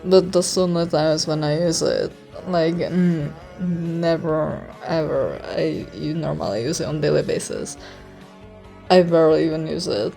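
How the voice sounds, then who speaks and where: Young adult woman, Czech accent, mellow slightly low voice, slow shy vlog rambling, kept quiet. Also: vocal fry, soft background music. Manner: awkward, self-conscious, giggly, apologetic; keeping voice hushed so as not to be heard in the house. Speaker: online video creator. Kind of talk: casual rambling vlog chat.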